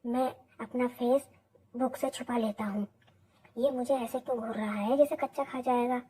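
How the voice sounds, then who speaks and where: A woman's voice: on the high side, fairly even intonation, normal speed, warm tone, husky. A woman voicing a shy, innocent young college boy in a storybook drama, timid and fretful. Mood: nervous.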